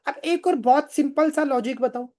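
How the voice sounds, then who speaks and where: A man's voice: very high-pitched, normal speed, darkish tone. A man running a live online sales training, emphatic and firing rhetorical questions, urging viewers to answer in the chat.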